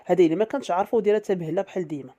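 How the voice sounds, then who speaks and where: A woman with a Moroccan accent tells a first-person story at a brisk clip. Her voice is mellow and soft-edged. She talks in a chatty way, full of fillers and quick restarts. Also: fairly low pitch.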